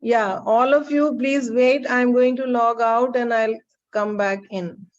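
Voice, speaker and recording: A woman's voice: fairly high pitch, fairly even intonation, slow. Indian lady teacher on a screen recorded zoom class, dull lo-fi sound, keeps asking kids if they got it. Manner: checks students by name, repeats points. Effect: screen-recorded online class audio. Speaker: chemistry teacher. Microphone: video call computer mic. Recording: dull lo-fi video call audio.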